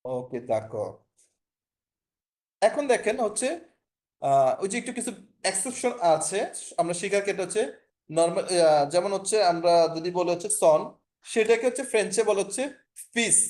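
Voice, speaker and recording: A man whose voice sits high, with a darkish tone, speaks animatedly at a normal speed with long pauses. He has a Bangladeshi Bengali accent and is teaching an online language class on a video call, explaining patiently, repeating points, and frequently checking that students follow.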